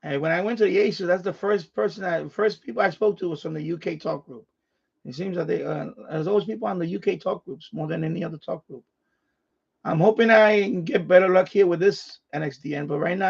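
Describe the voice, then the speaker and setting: Male live stream host, husky higher voice, chatty and muttering with louder radio calls, lo-fi sound. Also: fairly quick. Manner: muttering to himself, with louder call-outs. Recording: dull, lo-fi sound.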